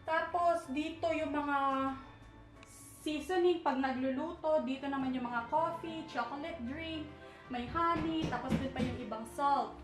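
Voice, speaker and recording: A woman's voice: sits high, measured pace, far from the mic. A young woman vlogger casually touring her apartment at night, rambling and searching for words as she mixes in English. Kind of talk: casual home tour vlog. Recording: echoey room, voice from off-mic, faint music.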